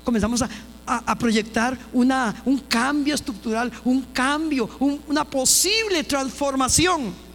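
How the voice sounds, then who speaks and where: A woman's voice: high-pitched, measured pace, fairly bright tone. A woman pastor giving a personal testimony in a church, telling her story emphatically with repeated phrases and restarts. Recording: long hall reverb with faint mains hum.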